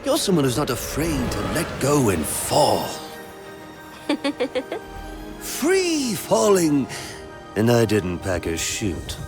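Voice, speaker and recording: A man's voice: mid-range voice, wildly swooping pitch, slow pace, long pauses. A man playing a manic, menacing, giddy clown-like villain in a video game, theatrical and erratic, given to cackling. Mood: giddy, insinuating. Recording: music under the dialogue. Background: loud dramatic music.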